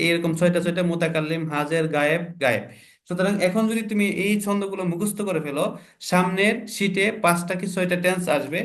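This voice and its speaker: High-voiced man teaching an online class. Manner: drills patterns, coaxes students to speak faster. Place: online video call.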